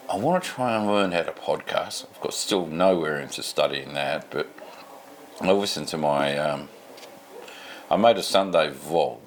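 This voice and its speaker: A bass-voiced middle-aged man with an Australian accent rambles tiredly to camera in an unscripted vlog filmed at home at night. His manner is relaxed and self-deprecating, and there's slight background noise.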